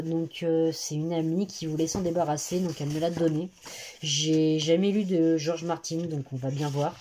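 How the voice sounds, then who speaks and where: A teenage booktuber with a low, warm voice chats casually about the books she plans to read, rambling and hesitant with many fillers. She records on a phone camera in her bedroom at her parents' home, and there's a little hiss or hum.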